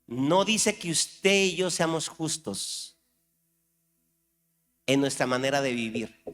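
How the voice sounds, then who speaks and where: A man with a Mexican accent preaching a sermon in a church, impassioned, swinging from loud outbursts to hushed lines. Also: a little high, lively intonation, takes it slowly. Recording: reverberant church hall.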